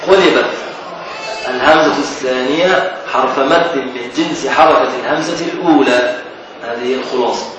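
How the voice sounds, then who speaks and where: Egyptian man, sheikh's lesson, repeats words, far from the mic, noisy, very echoey. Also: medium pitch. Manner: explains slowly, repeats key words, asks students questions. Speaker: sheikh teaching a classical text. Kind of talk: Islamic scholarly lesson. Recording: echoey distant recording with noise.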